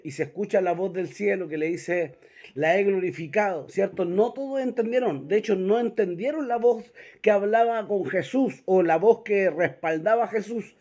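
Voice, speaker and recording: Man, somewhat high voice, Bible class teacher, reads scripture aloud, keeps asking the class to confirm. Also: warm tone. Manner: often checks in with the class by asking "right?"; reads scripture aloud and directs listeners to verses.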